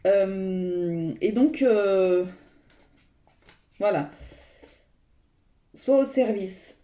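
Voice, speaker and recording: Fields: Sex: woman. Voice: very dark, mellow. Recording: echoey room. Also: medium pitch, very slow. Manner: meandering, searching for words, addresses viewers directly. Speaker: tarot reader. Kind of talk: tarot card reading to viewers. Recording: roomy echo.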